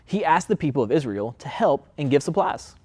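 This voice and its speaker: In a talk-show skit, a man plays King Solomon as a friendly, casual adult king who comes across as a laid-back, chatty guest with an earnest mood. His voice sits on the high side, very animated, a little fast, and a little mellow.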